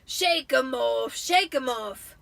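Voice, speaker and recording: A woman voicing an irate, blustering middle-aged uncle in a storybook, with loud, drawn-out, emphatic delivery. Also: high-pitched, animated, vocal fry, pitched above the performer's own voice, full character voice. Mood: furious, barking.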